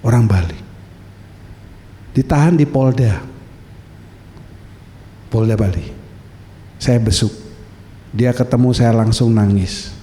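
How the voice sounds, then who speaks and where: A man's voice: mid-range voice, takes it slowly, pauses often, dark tone, a little hiss or hum. A middle-aged male pastor preaching a sermon in a church. He tells stories in a conversational way and stretches out his phrases for emphasis. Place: church sanctuary. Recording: reverberant church hall.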